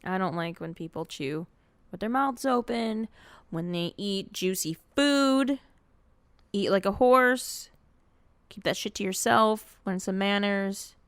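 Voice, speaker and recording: A woman's voice: mid-range voice, takes it slowly, a bit bright, clean tone, dry recording. A young adult woman from Michigan co-hosting a casual podcast on a headset mic, blunt and exasperated, swearing freely. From Dearborn, Michigan. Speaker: podcast co-host. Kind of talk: casual chat.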